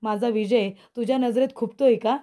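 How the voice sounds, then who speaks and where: A woman's voice: a little high, fairly even intonation, moderate pace, mellow, lightly acted. A woman reading the lines of a defiant young woman from a TV serial, answering back sharply. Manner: defiant, retorting.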